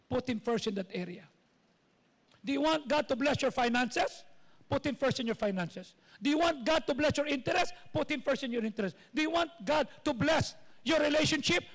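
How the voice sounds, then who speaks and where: A middle-aged Filipino man preaching a sermon as pastor, with repetitive rhetorical calls to his congregation. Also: very high voice. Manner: preaches in mixed Tagalog and English, repetitive calls.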